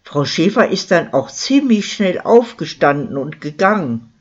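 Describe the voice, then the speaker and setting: Narrator's take on a smug boastful miller man, slow and self-important, dull lo-fi sound. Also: high voice, very animated, exaggerated voice. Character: boastful lying male village miller, smug. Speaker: character in a crime story. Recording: dull lo-fi recording.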